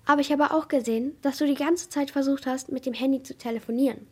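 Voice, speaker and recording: A woman's voice: sits high, fairly even intonation, quick pace, lightly acted. A woman reading the lines of a male rig worker who challenges a coworker in a pointed way. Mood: accusing.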